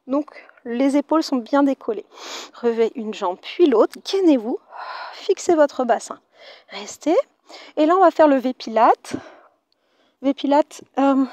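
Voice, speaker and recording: Brief: female Pilates instructor, high voice, close dry mic, soft whispered counts. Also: dry recording. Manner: calm counting cues, breathy whispered counts. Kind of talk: guided workout instruction. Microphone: mic very close to the face.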